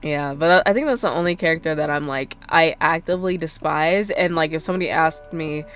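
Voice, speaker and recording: A woman's voice: low voice, brisk, soft background music. A young adult woman streaming a game, chatting casually and rambling with lots of fillers. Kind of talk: casual chat while gaming.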